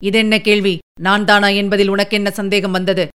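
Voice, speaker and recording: A woman's voice: mid-range voice, level tone, moderate pace, a bit bright, smooth, natural voice. A woman voicing a scheming older male Buddhist monk, sharply questioning in a storybook reading. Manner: questioning, then wailing in grief.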